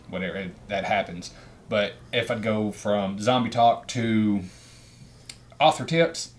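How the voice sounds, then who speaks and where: A man's voice: fairly low pitch, a little hiss or hum. A middle-aged man, co-hosting a casual podcast chat, rambling and chuckling often. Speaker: podcast co-host and author.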